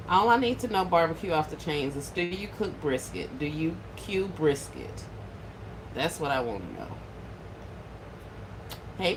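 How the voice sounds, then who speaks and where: A woman's voice: mid-range voice, noisy background. A woman hosting a casual livestream, greeting viewers by name, laughing often and teasing playfully. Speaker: livestream host.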